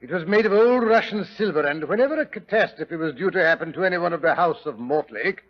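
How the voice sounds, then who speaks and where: A genial, avuncular British doctor in an old radio drama. His high voice rises and falls expressively as he tells his tale with fussy hesitations. The recording is dull and vintage. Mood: ominous storytelling. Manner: avuncular, theatrical, hesitating storyteller. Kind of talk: 1940s radio acting.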